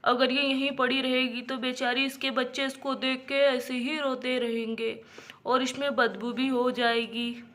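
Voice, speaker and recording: A woman doing a calm practical young man. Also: high voice, a little slow. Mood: serious. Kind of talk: doll story voice acting.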